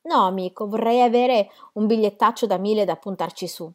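A woman's voice: mid-range voice, brisk, natural voice. A woman reading aloud voices a cocky male card player who mocks his rival and refuses to back down. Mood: taunting.

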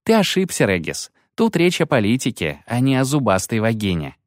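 A male narrator voicing a sardonic bard who grumbles quick mocking remarks in an audiobook. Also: mid-range voice, big pitch swings, no room sound, studio quality, natural voice.

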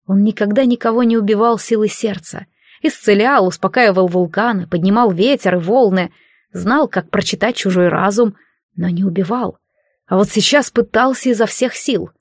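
A woman reads a fantasy tale aloud in a measured, dramatic way, her voice at a middle pitch. The sound is close and dry, with no room echo. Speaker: narrator. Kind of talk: audiobook narration.

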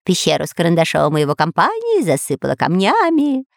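A woman's voice: fairly low pitch, wildly swooping pitch, fairly quick, gravelly, no echo, studio quality, exaggerated voice. A woman voicing a gleeful, gloating parrot henchman in a children's story.

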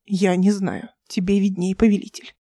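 A woman's voice: medium pitch, level tone, normal speed, mellow, dry recording, clean studio sound, close to an everyday voice. A woman voicing a frightened, submissive old male scientist who speaks in a subdued, pleading way. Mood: anxious.

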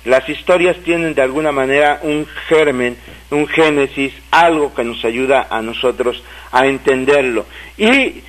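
A Mexican man co-hosting a casual radio talk show, an animated storyteller who restarts and repeats words as he goes. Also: medium pitch, a little slow, poor audio. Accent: Mexican Spanish. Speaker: radio co-host and writer. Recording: radio broadcast.

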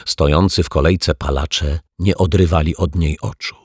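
A male reader narrating a children's story at a slow, deliberate pace. His voice is deep and slightly husky. The recording is close and dry, with no room sound. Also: fairly even intonation, a little mellow, no echo. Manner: measured, deliberate reading. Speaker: audiobook narrator.

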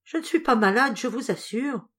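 A woman's voice: fairly high pitch, animated, moderate pace, a bit bright, husky, voice pushed up. A woman voicing a stubborn young seamstress who insists and protests, raising her voice a little. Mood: protesting.

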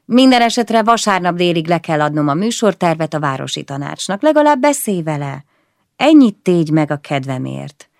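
A woman's voice: on the low side, very animated, vocal fry, darkish tone, dry recording, studio quality. A woman reading aloud and voicing a theatrical, teasing grown man who coaxes and mocks a friend. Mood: coaxing. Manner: flamboyant, mocking, coaxing.

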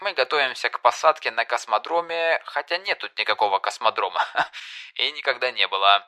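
A man voicing a young starship pilot making a mock airline announcement over the ship's loudspeaker, choked with laughter. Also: mid-range voice, fairly quick, pitched above the performer's own voice. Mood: giddy. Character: young male starship pilot, giddy, unhinged. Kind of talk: audiobook reading.

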